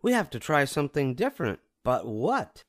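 A man voicing three timid little wolves in a storybook reading, in a higher pleading voice. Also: very animated, normal speed, no echo, studio quality, natural voice. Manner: pleading, higher sing-song voice.

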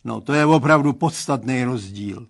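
Old guy reading, putting on a loud excitable dad, big hearty outbursts, pitched way up and boomy, audiobook. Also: gravelly. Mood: exasperated. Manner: effusive, theatrical outbursts. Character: jovial excitable middle-aged father.

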